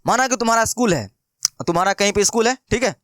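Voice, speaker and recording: A man's voice: high-pitched, fast talker, fairly bright tone, no room sound, clean studio sound. A young man teaching math in a casual classroom style, chatty and playful, who keeps asking questions and answering them himself. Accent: Bihari Hindi. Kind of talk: casual classroom lesson explaining with everyday examples.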